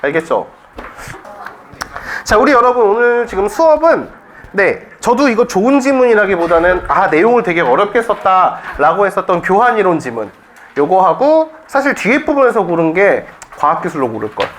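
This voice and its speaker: Guy teacher lecturing a classroom, high voice, jokey, keeps asking the class questions, bit of background hiss. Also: moderate pace. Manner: lively, joking and rhetorical, quizzing students constantly. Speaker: Korean-language cram school teacher.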